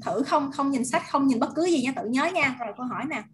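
A woman with a Vietnamese accent teaching English vocabulary over a video call, prompting students and repeating words slowly. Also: sits high, lively intonation. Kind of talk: online vocabulary drill.

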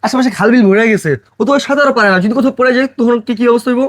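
A man playing a frantic village father, very high voice. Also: very fast, no room sound. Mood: worried. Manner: shouting, accusing, pleading. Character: distraught village father, home after long away. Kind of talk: amateur short film drama.

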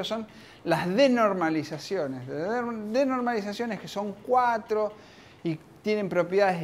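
A man with an Argentine accent giving an informal, lively technical talk at a conference, often restarting his sentences. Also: on the high side. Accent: Argentine Spanish. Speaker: conference speaker. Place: conference room.

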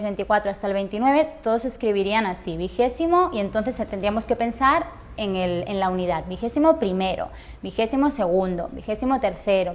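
A woman with a Spain Spanish accent, a teacher explaining at a whiteboard in a clear, patient way and speaking straight to her viewers. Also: mid-range voice. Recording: dull lo-fi sound.

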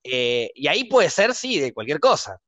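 A young Argentine man hosting a casual podcast chat, talking emphatically and with passion, so that he sounds angry even when he is not. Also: a little high, normal speed, dry recording. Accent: Argentine Spanish. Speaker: podcast host.

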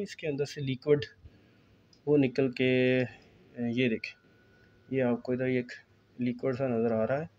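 A man, calmly explaining a step-by-step electronics repair at a workbench, recorded on a phone filming his hands. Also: medium pitch, highs cut off. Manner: calm, explanatory, pointing things out. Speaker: repair technician.

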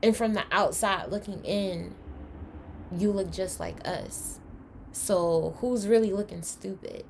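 A woman's voice: mid-range voice, slow pace, vocal fry, darkish tone, slight background noise. A woman hosting a reaction video, speaking passionately and emphatically, sometimes lecturing her viewers. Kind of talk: reaction commentary. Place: indoors, home room.

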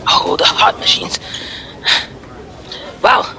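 A man's voice: sharp tone, a faint crowd. A man playing a harried, impatient hospital doctor, over background music. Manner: rushed, impatient, repeats "yes, yes". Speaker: improv actor.

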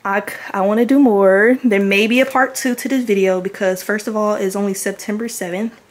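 A woman's voice: mid-range voice, steady tone, brisk. Gushing young woman vlogger. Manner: gushing, chatty show-and-tell. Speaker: crochet vlogger. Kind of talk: casual vlog talk.

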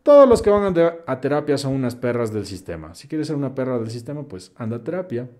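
A man's voice: medium pitch, sing-song, fast, darkish tone. A young man hosts a live stream. He reads viewers' questions aloud and answers them in a blunt, preachy, slangy way. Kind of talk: live Q&A, reading chat comments aloud.

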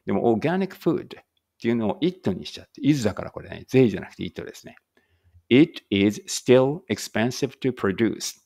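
A man runs a relaxed read-aloud English lesson, chatting and correcting himself as he goes, then slowing right down for the English lines. His voice sits low with a gravelly edge. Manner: chatty, self-correcting, reads English slowly. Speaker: English teacher.

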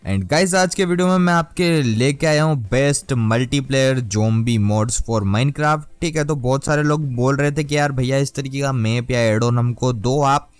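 A man's voice: mid-range voice, normal speed, hardly any pauses, clean tone, no room sound. A man hosting a gaming channel, talking viewers through a mobile game tutorial in a casual, chatty way and calling them guys and brother.

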